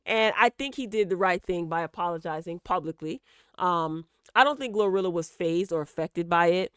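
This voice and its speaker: A woman host delivers casual, opinionated gossip commentary, speaking emphatically straight to her listeners and repeating words for emphasis. Her voice is on the low side, a bit bright and clean, at a normal speed. The recording is dry with clean studio sound.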